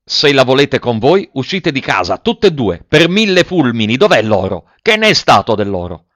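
A man reading aloud voices a furious old miser who shouts and bullies his household, his voice pitched well above his own. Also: moderate pace, clear, resonant tone, dry recording, close to an everyday voice. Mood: raging. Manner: shouting, blustering, bullying. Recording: dull dry lo-fi recording.

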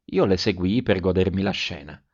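Theatrical male storybook reader. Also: normal speed. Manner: lively, theatrical, big swings in pitch and loudness. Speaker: audiobook reader. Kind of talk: storybook reading of a child's diary. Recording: dull lo-fi recording.

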